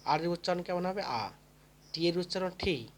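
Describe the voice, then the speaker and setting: A man's voice: high voice, animated, moderate pace, slight background noise. A man teaching English letter pronunciation in a classroom-style lesson, asking questions and answering them himself, and chanting the sounds in repeated rounds.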